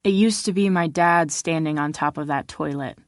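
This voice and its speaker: A woman's voice: low voice, normal speed, dry recording, studio quality, close to an everyday voice. A woman narrator voicing Jennifer, a guarded, wry young woman who talks in a subdued way. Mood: brooding.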